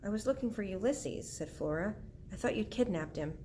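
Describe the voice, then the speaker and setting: A woman reading the part of a cynical young girl in a storybook, with flat, matter-of-fact delivery. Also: medium pitch, normal speed, a little hiss or hum, close to an everyday voice. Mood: dry.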